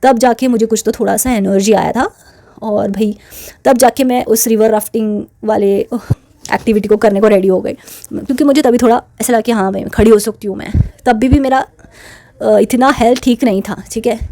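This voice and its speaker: A woman's voice: on the high side, fairly even intonation, moderate pace, mellow. A woman hosting her channel, telling a personal story in a chatty, indignant way and mixing English words into her Hindi. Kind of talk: casual storytelling to camera.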